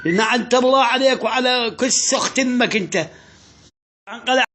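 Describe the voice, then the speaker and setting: A man's voice: very high voice, moderate pace, pushed and bright, a little hiss or hum. A man with a Deir ez-Zor Syrian Arabic accent scolding and insulting someone in a comic voice message.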